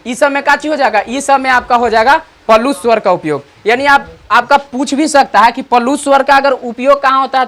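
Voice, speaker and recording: An online teacher, explaining grammar slowly and repeatedly checking understanding with rhetorical questions. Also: mid-range voice, fairly bright tone. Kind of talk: grammar lesson.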